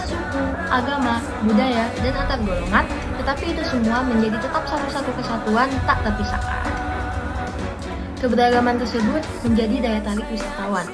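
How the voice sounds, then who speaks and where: A woman reading a scripted narration in a careful, informative way. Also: fairly high pitch. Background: loud music.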